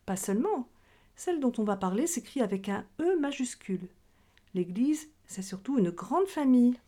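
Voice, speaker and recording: In a mellow, fairly high voice with lively intonation, this woman teaches children about religion at a normal pace. As a catechism teacher, she uses a question-and-answer format and keeps her explanations simple for her young audience.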